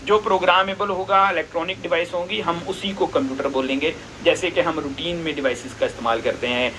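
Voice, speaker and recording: Bright-voiced man explaining a lesson patiently. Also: a little high, fairly even intonation, fairly quick, slight background noise, low-quality recording. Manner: patient, asks and answers his own questions. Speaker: teacher.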